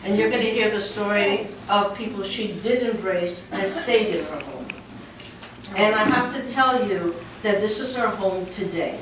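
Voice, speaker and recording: A woman introducing her mother to an audience, emotional and joking by turns. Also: medium pitch. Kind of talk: introduction speech. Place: large room. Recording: echoey hall from far off, with noise.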